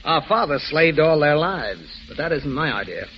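An actor playing Jock, a busy, dismissive advertising husband in a 1940s radio drama, on a dull old recording. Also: male voice, a little high, sing-song, moderate pace, a little hiss or hum. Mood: jaunty.

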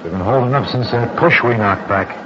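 An actor playing a jittery, despairing infantry soldier grieving a buddy in an old radio war drama. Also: male voice, mid-range voice, brisk, close to an everyday voice. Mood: bleak. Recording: dull old radio recording, faint noise.

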